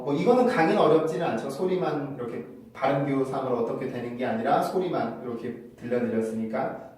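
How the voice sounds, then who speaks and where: A man teaching English pronunciation in a video lesson, explaining patiently and slowly repeating example sentences. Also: medium pitch, darkish tone. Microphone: clip-on phone mic. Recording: very echoey room, mic at a distance.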